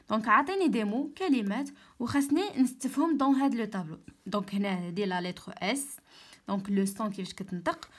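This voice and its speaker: Patient Moroccan woman teaching French. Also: mid-range voice. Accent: Moroccan Arabic. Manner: patient, repeats each word slowly and explains. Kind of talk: online lesson explaining French spelling.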